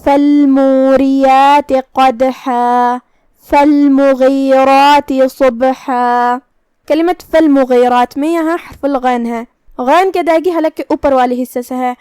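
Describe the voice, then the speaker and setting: A woman teaching Quran recitation, calmly explaining each letter and its rule, then reciting slowly. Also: high voice, no echo. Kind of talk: tajweed lesson with slow recitation.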